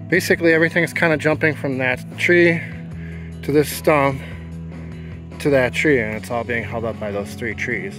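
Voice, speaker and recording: A man's voice: medium pitch, low-quality recording. Plainspoken man vlogging outdoors. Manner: plainspoken, thinks aloud while explaining work. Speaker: off-grid homesteader and sailor. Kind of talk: casual outdoor vlog narration. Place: outdoors in woods and at a marina. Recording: music playing under the voice.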